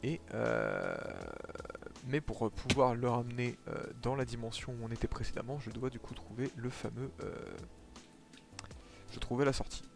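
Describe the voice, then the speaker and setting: Very animated and creaky, a man with a medium-pitched voice comments casually on a live game stream at a moderate pace. He explains his play to viewers with many fillers, and faint music plays underneath.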